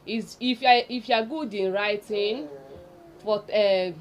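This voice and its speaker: A woman with a Nigerian accent and a mid-range voice speaks unhurriedly, with faint music in the background. She hosts a casual, unscripted listicle tutorial, repeating points for emphasis and addressing viewers directly.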